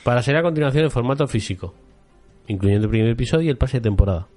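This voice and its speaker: A man's voice: medium pitch, animated, rapid-fire, darkish tone, soft background music. A man with a Spanish accent from Spain, co-hosting a podcast and chiming in with wry short remarks. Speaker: podcast co-host. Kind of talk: casual chat.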